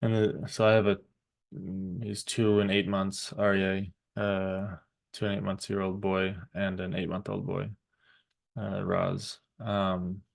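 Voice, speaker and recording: A man in his thirties talking thoughtfully about parenting, pausing often and restarting his sentences. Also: sits low, completely flat delivery, vocal fry. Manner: thoughtful, halting, many fillers and restarts. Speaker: parent vlogger. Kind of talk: reflective personal talk.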